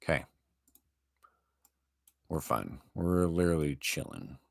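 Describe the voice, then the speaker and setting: A man's voice: extremely low pitch, very animated, takes it slowly, gravelly, no echo, clean studio sound. A young man commentating his own online chess games, swinging between panic and self-hype with self-deprecating jokes. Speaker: chess streamer.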